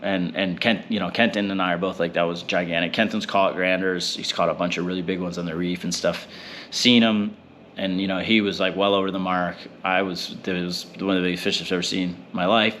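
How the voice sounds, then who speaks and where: A fishing boat captain, a man, telling a story in a rambling, animated way with many fillers. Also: deep voice, a little fast, a little hiss or hum. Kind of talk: casual storytelling.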